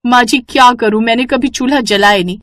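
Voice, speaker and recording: Young daughter-in-law, naive and melodramatic, higher pleading voice, voiced by a woman. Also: a little fast, fairly bright tone, dry recording, lightly acted.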